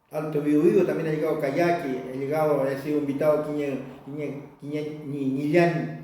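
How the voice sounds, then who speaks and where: Older man, rambling informal class, mellow tone, very echoey room with distant mic. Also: on the high side. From Chile. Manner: rambling, repeats words, slow deliberate stretches. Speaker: Mapudungun teacher. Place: community cultural center.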